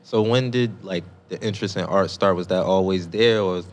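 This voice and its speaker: A man's voice: deep voice, a little fast. A man co-hosting a casual podcast, adding laid-back, reflective comments. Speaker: podcast co-host. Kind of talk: casual interview chat.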